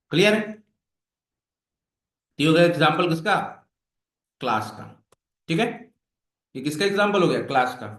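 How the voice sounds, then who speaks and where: A man's voice: fairly high pitch, a bit bright. Echoey coaxing male coding instructor. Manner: coaxing, repeats questions to the class. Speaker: web development instructor. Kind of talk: classroom coding lesson. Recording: echoey room.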